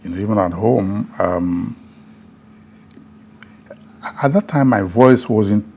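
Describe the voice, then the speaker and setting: Older man from Benin, Nigeria: low, gravelly journalist voice, relaxed and reminiscing, faint noise behind. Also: slow pace. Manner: low-voiced, reminiscing, repeats words when starting. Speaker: guest, broadcast journalist.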